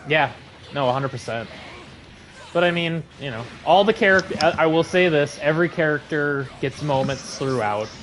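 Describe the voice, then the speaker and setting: A man co-hosting a live game stream in casual chat, easygoing and agreeable, laughing often and filling pauses with "like" and "um". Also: fairly high pitch, animated, a bit bright, faint music behind, poor audio. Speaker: streamer co-host.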